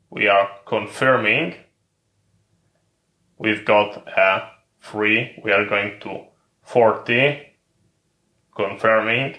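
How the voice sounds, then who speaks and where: A tech channel presenter, a man with a slow, bright but lowish voice, narrates a hardware demonstration tutorial step by step. He is methodical, repeating phrasing across short, separated steps, and the sound is reverberant.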